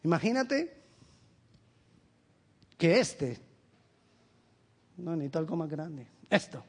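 Male pastor, higher-pitched voice, emphatic sermon delivery with rhetorical questions. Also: breathy edge. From Colombia. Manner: animated storytelling with quick asides.

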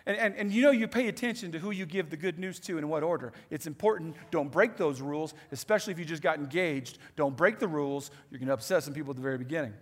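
A man preaching a sermon as pastor, animated and moving between hushed lines and emphatic ones. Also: fairly high pitch, fast talker, few pauses. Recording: echoey hall.

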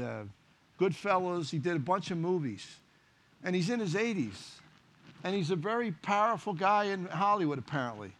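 A man's voice: high-pitched, fairly bright tone. A middle-aged male pastor preaching a sermon, telling stories animatedly and acting out the dialogue. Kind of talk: sermon with storytelling.

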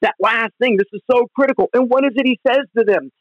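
Heard over a dull, lo-fi phone line with a dry sound, a man speaks in a very high-pitched voice at a fast clip. He's a pastor and podcast host delivering an earnest devotional talk from home in a conversational way.

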